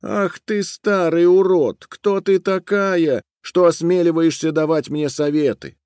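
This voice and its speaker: A man voicing a haughty, rude young woman who scornfully shouts people away. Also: medium pitch, animated, measured pace, no echo, clean studio sound, voice pushed up, close to an everyday voice.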